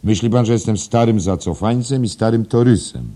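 A man's voice: on the low side, fairly quick, warm tone, pitched above the performer's own voice, lightly acted. A man voicing a pompous, preachy old schoolmaster who lectures in an emphatic, self-satisfied way in an audiobook. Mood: stern.

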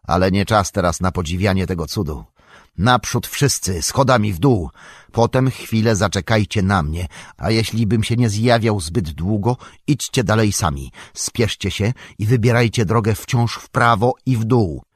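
A man's voice: fairly low pitch, normal speed, breathy edge, dry recording, clean studio sound. A man reading the part of an old male wizard, giving urgent, clipped orders. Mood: commanding.

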